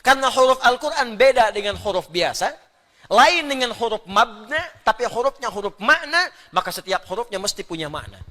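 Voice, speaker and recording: A man preaching an Islamic lecture, animated and playful, voicing sounds aloud to demonstrate them. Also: very high-pitched, a little fast. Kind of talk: religious lecture. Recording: long hall reverb.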